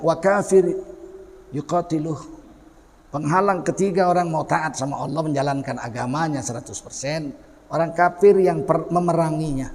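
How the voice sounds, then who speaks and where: A middle-aged man delivers a lively sermon. He mocks and acts out the people he describes. His voice sits a little high and rings with a long hall reverb. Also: creaky. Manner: animated, mocking, acts out quoted people. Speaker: preacher.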